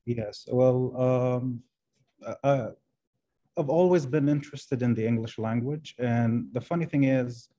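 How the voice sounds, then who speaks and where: A Kuwaiti translation professor in his forties, whose first language is Arabic, answers interview questions as a guest over a video call from an indoor room. He sounds hesitant, using many fillers and restarts, and his mid-range, mellow voice moves at a measured pace.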